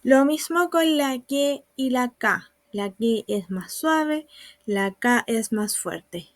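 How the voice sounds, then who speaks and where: A woman's voice: fairly high pitch, animated, no echo. A woman, patiently explaining sounds and writing in a recorded online lesson. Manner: slow, patient explaining with examples. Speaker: Mandarin teacher.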